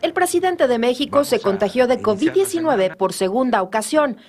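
A woman reporting from abroad as a television news correspondent, in a crisp formal delivery. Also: a little high, animated, normal speed, darkish tone, soft background music.

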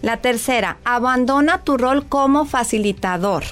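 A woman's voice: fairly high pitch, moderate pace, soft background music. A woman, a child psychologist, explaining parenting advice step by step in an interview. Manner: clear, agreeable, explains step by step.

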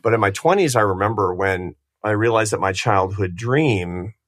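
A man's voice: on the low side, animated, normal speed, a bit bright. A man in his fifties hosting a podcast, telling his story in a reflective, self-deprecating way. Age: 50s. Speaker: podcast host.

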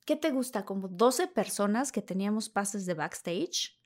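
A woman with a Mexican Spanish accent, a guest telling an anecdote in an animated way. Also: mid-range voice, moderate pace. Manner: animated, acts out the scenes. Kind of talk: storytelling anecdote.

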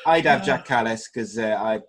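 A man from Wales chats casually as a sports podcast host. His medium-pitched voice is matey and teasing, and the recording carries noticeable noise behind him. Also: normal speed, a bit bright.

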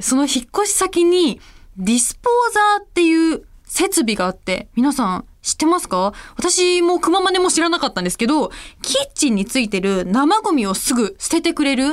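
High, lively woman radio host. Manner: animated, chatty storytelling. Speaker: radio show host and voice actress. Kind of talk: casual solo radio talk.

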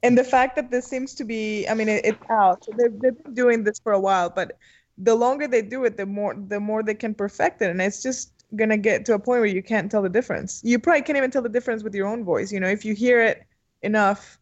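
A woman taking part in a casual podcast chat, earnest and worried, with halting restarts. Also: mid-range voice, highs cut off.

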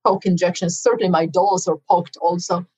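A woman's voice: lowish voice, steady tone, normal speed, a little mellow, breathy edge, poor audio. A middle-aged woman with a Romanian accent, a physician guest recalling her past in an interview in a reflective, storytelling way. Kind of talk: interview conversation.

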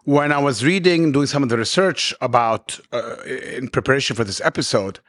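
A man hosts a conversational interview, courteous in tone. He probes his guest with quick follow-up questions and keeps the talk moving. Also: medium pitch, fairly bright tone. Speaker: podcast host, interviewer.

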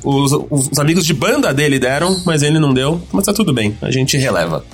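A man's voice: on the high side, sing-song, a little fast, breathy edge, faint music behind. A Brazilian man hosting a podcast in casual, chatty style from home. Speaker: podcast host. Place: remote recording from home.

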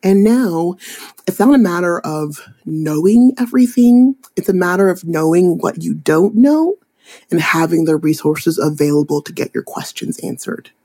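Woman, young adult, low voice, husky, animated chatty storyteller, podcast interview guest. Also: normal speed. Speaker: boudoir photographer and attorney.

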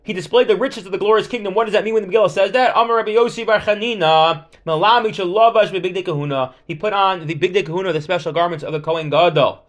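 High-pitched man teaching a Talmud class. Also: fast talker, hardly any pauses. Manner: explanatory, stop-and-start, poses questions and answers them.

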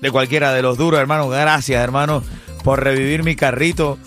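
A man hosting a morning radio show, energetic and playful. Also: medium pitch, fairly quick, soft background music. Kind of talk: lively radio banter.

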